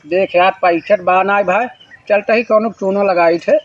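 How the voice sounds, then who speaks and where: A man's voice: sits high, steady tone, a little slow, lo-fi sound. A man with an Awadhi accent playing a scheming, pleading beggar with a sob story in a village comedy skit. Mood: bargaining.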